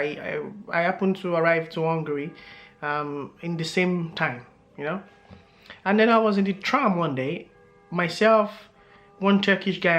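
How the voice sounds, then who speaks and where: A man's voice: on the high side, fairly bright tone. A man vlogging to camera, telling a story in a loose, meandering way, with many fillers and laughs along the way.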